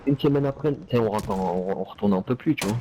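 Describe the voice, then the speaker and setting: A young man with a lowish voice tells a casual story to his mates. He speaks in thick street slang, full of tags and fillers. There is light noise and clicking behind him. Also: fast, dark tone, poor audio. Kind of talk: casual anecdote told to friends while gaming.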